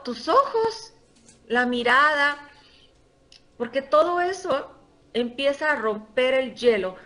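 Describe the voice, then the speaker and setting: High-voiced chatty woman. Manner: lively, chatty, laughs often, addresses the audience directly. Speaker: workshop presenter. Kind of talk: live seminar talk to a group.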